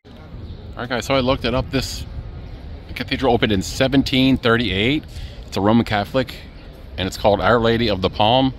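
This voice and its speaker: A man's voice: medium pitch, steady tone, normal speed, long pauses. A man vlogging as he walks through city streets, talking to his viewers in an easygoing, chatty way. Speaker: travel vlogger. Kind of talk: casual walking-tour narration. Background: faint street and traffic noise.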